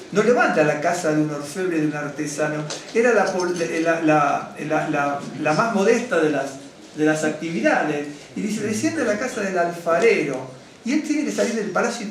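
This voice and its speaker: A man, a rabbi, giving a conversational sermon to his congregation. He is lively and digressive, keeps asking "¿no es cierto?", and gets carried away with enthusiasm. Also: on the high side, a little hiss or hum. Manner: addresses congregation directly, gets excited. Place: synagogue hall. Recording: very echoey hall, mic at a distance, faint ambience.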